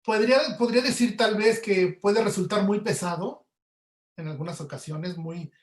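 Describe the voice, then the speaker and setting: Speaking at normal speed in a voice that sits high, this man has a Mexican Spanish accent. Interviewed as a guest audio producer, he gives relaxed explanatory answers using everyday examples, and the webinar recording sounds roomy and echoey.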